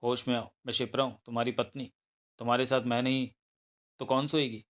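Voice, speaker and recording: A man's voice: medium pitch, little pitch movement, brisk, close to an everyday voice. A man voicing a frightened young wife pleading with her husband in a read-aloud novel. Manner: panicked pleading.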